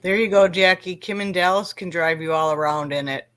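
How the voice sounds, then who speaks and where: Middle-aged female co-host, slightly low voice, wry and teasing in loose conversation. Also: brisk, fairly bright tone. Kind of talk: casual chat.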